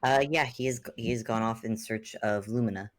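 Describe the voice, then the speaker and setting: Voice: medium pitch, fairly even intonation, fairly quick, no echo, studio quality. A player in a casual tabletop role-playing game, laid-back and hesitant, thinking aloud.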